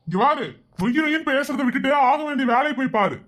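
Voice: high-pitched, expressive, fast, a bit bright, a little hiss or hum. A performer voicing a teasing village husband in a cartoon who brushes off his wife's questions curtly. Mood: dismissive. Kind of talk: cartoon voice acting.

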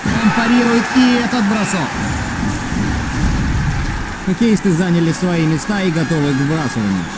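A man doing play-by-play hockey commentary for a sports video game, calling shots and goals excitedly in clipped phrases. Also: sits high, moderate pace, pauses often, heavy background noise.

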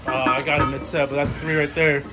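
Filmed on a phone or handheld camera in an outdoor yard set up as a makeshift gym, this casual gym vlog features a man hyping up his friends with swearing and bro slang. He talks quickly in a flat, high-leaning voice, while loud background music plays over him.

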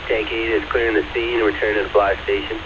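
A man's voice: fairly low pitch, little pitch movement, fast. A man, a firefighter, giving terse police and fire radio reports over a two-way radio. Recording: muffled, very noisy two-way radio transmission.

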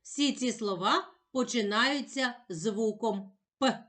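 A woman teacher giving a patient, encouraging lesson for young children, sounding words out slowly and carefully. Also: on the high side, a bit bright. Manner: slow, carefully sounded-out speech.

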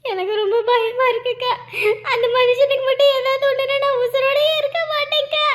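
A panicked village wife, played by a woman in a rural drama, her very high voice breaking into wails and pleading lines. She sounds frantic and fearful throughout. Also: fairly even intonation, brisk. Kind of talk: rural Tamil drama acting.

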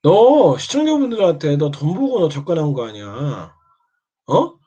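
A man with a slightly high, mellow voice and a breathy edge takes his time, his pitch swinging widely as he mocks and scolds another streamer. He keeps needling with short questions, tacking "eh?" onto them again and again. The recording sounds dull and lo-fi.

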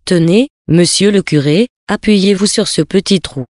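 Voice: mid-range voice, measured pace, a little mellow, no room sound, studio quality, close to an everyday voice. A reader voicing a brazen, gossipy young chambermaid in a storybook reading. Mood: cheeky. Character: cheeky young female chambermaid.

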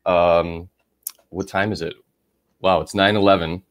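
A man from Chicago, the author of the library, talking eagerly in a casual video call with many halting restarts. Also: deep voice, level tone.

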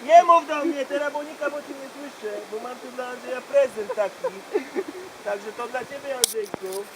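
Putting on an extremely high voice, a comedian at a bachelor party plays a crude woman gossiping on the phone, full of rambling fillers and punning jokes. He speaks at a moderate pace, and the live recording is very noisy.

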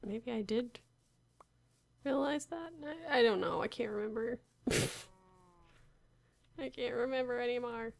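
A woman's voice: on the high side, measured pace, creaky, long pauses. A woman casually talking to herself while playing a block-building game, unsure and wry, muttering about where she is. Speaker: Minecraft player. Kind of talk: casual gameplay commentary.

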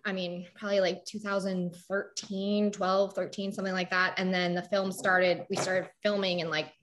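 A woman's voice: medium pitch, level tone, moderate pace, fairly bright tone. A young woman speaking as a survivor guest on a panel, talking in a casual, chatty way with many "like" and "um" fillers.

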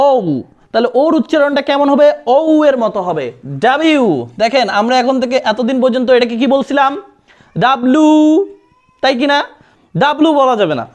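Male English tutor, very high-pitched, patient drill-style delivery, repeats sounds slowly. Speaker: spoken English teacher. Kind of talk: classroom-style lesson.

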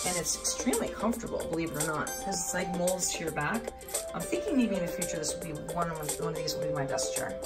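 A woman in her forties chats eagerly into a phone held at arm's length. Her voice sits on the low side. Loud background music plays under her talk the whole time. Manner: chatty, enthusiastic, talks straight to camera. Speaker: vlogger. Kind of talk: casual haul vlog. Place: home indoors, partly outdoors at a flea market. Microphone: phone camera at arm's length.

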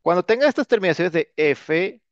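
A man's voice: sits high, animated, a little fast, no room sound. A man teaching an English grammar lesson in a casual classroom manner, often tagging his sentences with a questioning "no". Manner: casual, repeats filler "¿no?" and "este". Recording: dull, lo-fi dry recording.

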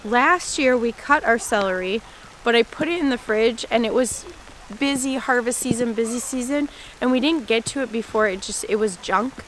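A woman in her thirties chatting casually on a homestead vlog, outdoors in the garden, easily excited and quick to laugh. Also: on the high side, a little hiss or hum. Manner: excitable, gasping and laughing at surprises. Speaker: homesteading vlogger. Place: outdoors in a rainy farm garden. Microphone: handheld camera mic.

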